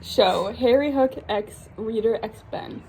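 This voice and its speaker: Giggly high-voiced young woman. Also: takes it slowly, warm tone, a little hiss or hum. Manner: giggly, breaks into laughter while reading. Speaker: vlogger reading fanfiction aloud with a friend. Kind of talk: casual chat.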